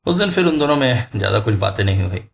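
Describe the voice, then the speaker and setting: A man narrating a horror story in a slow, suspenseful storytelling manner. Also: on the low side, sing-song, vocal fry. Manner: slow, suspenseful, rising in tense moments. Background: faint music.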